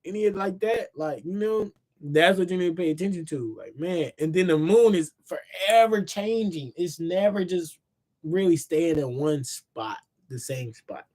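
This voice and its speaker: A man with a high-pitched voice reads from his own book on a casual livestream, sounding tired. He speaks loosely, repeats himself and asks his viewers to say words back to him. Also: lively intonation, normal speed, darkish tone. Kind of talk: casual livestream reading with asides. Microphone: phone or computer mic on a livestream.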